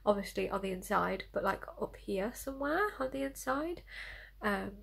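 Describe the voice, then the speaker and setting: A young woman talks casually, as if updating viewers on a personal vlog. Her voice sits at an average pitch for a woman. She speaks candidly and a little self-consciously, often halting as she finds her words. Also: animated, gravelly, a bit bright, husky, no echo. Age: young adult. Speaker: vlogger.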